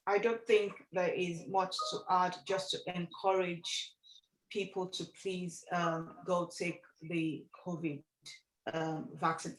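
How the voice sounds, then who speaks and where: A woman speaks hesitantly, full of fillers, and pleads with her listeners again and again. Her voice has a gravelly fry, and the room around her is echoey. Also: on the low side, fairly bright tone.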